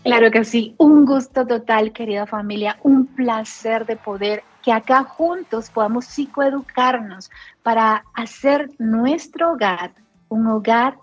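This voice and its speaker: A woman's voice: on the high side, breathy edge, dry recording, dull audio. A woman psychologist explaining parenting on a radio show, acting out what a parent might say. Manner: explanatory, acts out parent's lines. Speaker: psychologist guest. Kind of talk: radio interview advice.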